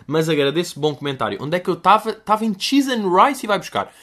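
A man in his twenties with a European Portuguese accent, telling stories on his podcast in an animated, slangy way and jumping into high voices to quote people. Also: fast talker. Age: 20s. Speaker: podcast host. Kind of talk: casual storytelling monologue.

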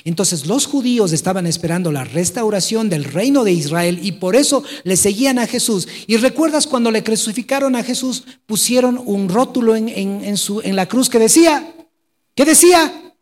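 A man preaches in a high, ringing voice. He swings between loud exclamations and hushed storytelling. His words carry through a large hall with long reverb. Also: lively intonation, normal speed, few pauses. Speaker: pastor. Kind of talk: sermon.

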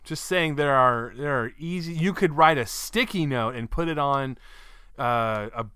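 A man's voice: medium pitch, measured pace, pushed and bright, clear, resonant tone, no room sound, clean studio sound. A man hosting a podcast in casual chat, teasing his co-host with rambling explanations.

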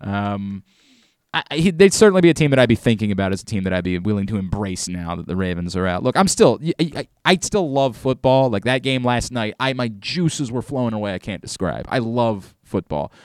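A man's voice: on the low side, expressive, a little fast, darkish tone, no room sound, clean studio sound. A man hosting sports radio in a casual, rambling way, repeating words as he thinks aloud. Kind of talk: casual, conversational sports talk. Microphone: close studio microphone.

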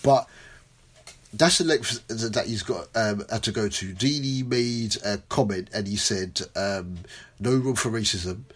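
London roadman type bloke hosting a footy chat, street slang, animated delivery. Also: fairly low pitch, unhurried, slightly rough. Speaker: host. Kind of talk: casual football talk show discussion.

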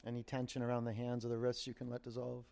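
Male yoga teacher, medium pitch, leading meditation in short, unhurried phrases with room to breathe. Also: monotone, creaky, a little mellow, a little hiss or hum. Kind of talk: guided yoga and meditation instruction.

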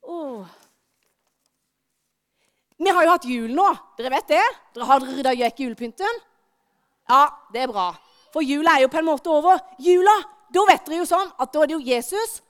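Woman with a high voice, lively church storyteller who quizzes the kids. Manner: lively storytelling, asks the audience questions. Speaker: preacher speaking to children and adults. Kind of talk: children's sermon.

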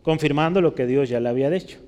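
A male pastor delivers a teaching sermon, his voice pitched a little high. He keeps checking in with the congregation through tag questions. The sound rings with the long reverb of a large church hall. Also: quick pace, darkish tone.

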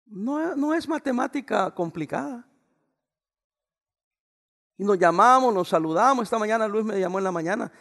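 A pastor preaches a sermon to his congregation. He raises his voice and then drops to soft, quiet words. His voice sits high with a gravelly rasp, and a long church-hall reverb trails every phrase. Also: animated, normal speed, long pauses.

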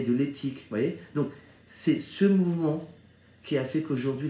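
Recounting his career in an informal motivational talk, a middle-aged man from Strasbourg, Alsace, who leads in network marketing, speaks like a business mentor. His soft, mellow, mid-range voice stays conversational as he regularly checks in for his listeners' agreement, all in an echoey, roomy recording.

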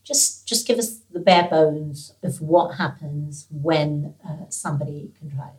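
A woman interviewer with a very low voice asks gentle, probing questions. She sounds distant from the microphone. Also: measured pace.

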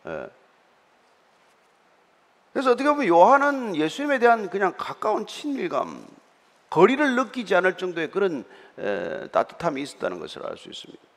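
A male pastor delivers a conversational sermon, his fairly high voice swinging widely in pitch. He explains things patiently, pausing on drawn-out fillers. The voice rings out in a church hall with a long reverb tail. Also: big pitch swings, gravelly. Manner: explanatory, conversational preaching with frequent hesitation fillers. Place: church sanctuary.

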